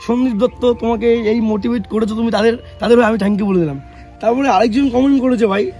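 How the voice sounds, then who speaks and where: A young man from West Bengal talks fast to his camera and answers the comments people have left about him. His voice sits very high for a man, and he keeps firing rhetorical questions back at his critics. A faint music bed runs under his talk. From West Bengal, India. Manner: defensive, rhetorical questions, calls viewers bhai. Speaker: vlogger.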